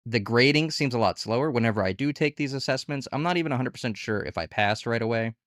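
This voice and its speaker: Hosting a conversational review of online gig work platforms, a man speaks fast, casually and candidly, with rhetorical questions. His medium-pitched voice has a fairly bright tone, in a clean studio recording with no echo.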